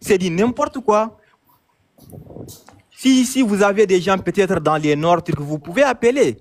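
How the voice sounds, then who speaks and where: Malian man calling in, high pitched voice, insistent, keeps repeating himself. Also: animated, a little slow. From Mali. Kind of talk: casual chat, phone-in debate.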